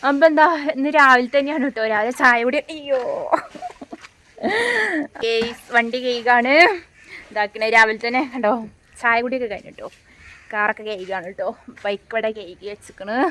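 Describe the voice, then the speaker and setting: A woman's voice: fairly high pitch, fairly even intonation, normal speed, pauses often, a bit bright. A woman vlogger chatting casually to viewers on camera outdoors, recorded on the camera's own mic. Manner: chatty, greets viewers often. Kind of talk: casual on-camera vlog chat. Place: outdoors in a yard, light rain. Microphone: camera's own mic, no external mic. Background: water spray and light outdoor noise.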